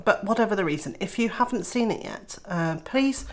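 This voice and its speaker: A Welsh woman with a cold vlogs casually to camera about her homestead, her medium-pitched voice animated and a little fast. She sounds nasal and throaty and chats away with plenty of "uh" fillers.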